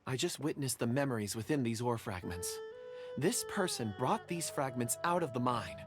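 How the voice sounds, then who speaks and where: An actor voicing a gentle, thoughtful companion who searches through lost memories. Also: mid-range voice, lively intonation, normal speed, over music, natural voice. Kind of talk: game voice acting. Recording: game soundtrack behind.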